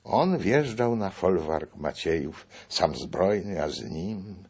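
A man with a raspy voice narrating an epic poem in measured verse, audiobook style. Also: low voice, expressive, darkish tone.

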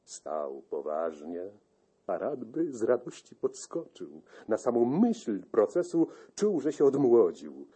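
A man narrating a classic narrative poem in a measured, expressive recitation. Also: on the low side, breathy edge.

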